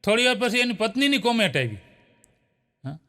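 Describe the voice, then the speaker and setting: A male comedian tells jokes one after another, his voice high and bright. He chuckles through his storytelling, and the sound rings with a long hall reverb. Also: big pitch swings, a little fast. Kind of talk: stand-up joke telling.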